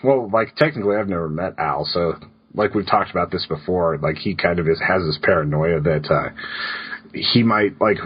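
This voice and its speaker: A man's voice: sits low, normal speed, breathy edge. A man co-hosting a podcast in casual chat, telling loose stories full of "like"s. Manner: loose storytelling with many "like"s. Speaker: podcast co-host. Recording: dull lo-fi podcast audio.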